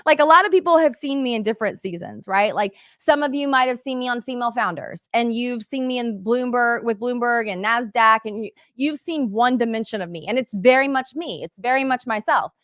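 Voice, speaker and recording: A woman coaching an online workshop in an energetic, conversational way, often saying "like" and "right?". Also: a little high, brisk, few pauses, no room sound, studio quality. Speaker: business coach. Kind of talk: motivational workshop talk.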